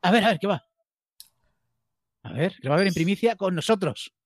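A man from co-hosting a casual reaction chat, joking in quick banter. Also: sits high, lively intonation, dry recording. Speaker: co-host.

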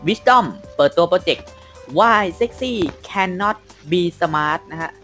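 A male podcast co-host in casual chat who reads dates and names carefully, with pauses. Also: sits high, lively intonation, bright, forceful tone, soft background music. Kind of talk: casual chat, reading out a timeline.

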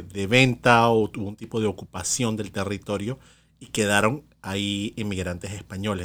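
A man co-hosting a casual podcast. His voice sits a little low, and he talks in a chatty, digressive way full of small restarts and asides. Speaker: podcast co-host.

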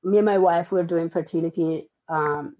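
A woman raised in Italy, with roots in Argentina and Italy, speaks in a lowish, steady voice at a normal pace. She's a podcast guest in a casual interview, talking hesitantly with many ums and restarts. The audio is dull and lo-fi.

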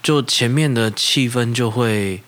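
A man with a Taiwanese accent in casual chat, halting and repeating words as he explains. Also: mid-range voice, a bit bright.

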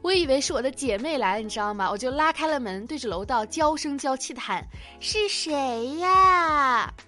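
A bright, higher-voiced young woman chats through a cozy home podcast, giggly and self-mocking. Soft music plays faintly beneath her voice. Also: expressive, fast talker. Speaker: podcast host. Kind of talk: casual personal radio chat.

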